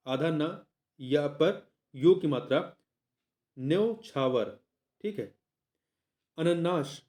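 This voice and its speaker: A man's voice: a little high, a little mellow. A man working through a practice exam, who asks a question, answers it himself and repeats the key word. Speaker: exam tutor. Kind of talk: solving a practice paper aloud.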